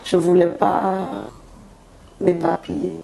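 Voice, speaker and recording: Slow, gravelly woman. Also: on the low side, little pitch movement, echoey room, a crowd in the background. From Côte d'Ivoire. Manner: slow, solemn, devotional phrasing. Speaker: gospel singer, interview guest. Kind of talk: earnest testimony in an interview. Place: her home in France.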